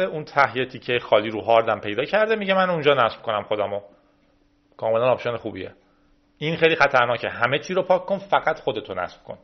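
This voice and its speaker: A man's voice: mid-range voice, highs cut off. A man hosting a casual screen-recorded tech tutorial, chatting through each step as he clicks through menus. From Iran. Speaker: tech video host.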